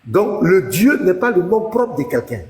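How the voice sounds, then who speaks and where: A man's voice: high-pitched, big pitch swings, normal speed, reverberant, long reverb tail. A man, a pastor, arguing in a heated religious debate, lecturing insistently and talking over the woman he debates. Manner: lecturing, insistent, talks over the other speaker.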